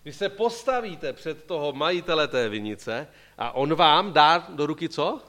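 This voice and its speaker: Animated high-voiced male preacher. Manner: animated, questioning the congregation directly. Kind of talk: sermon.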